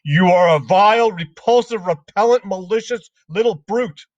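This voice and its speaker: A man voicing a cruel, towering headmistress who shouts insults at children. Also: high-pitched, animated, normal speed, no echo, voice pushed up. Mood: raging. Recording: dull lo-fi sound.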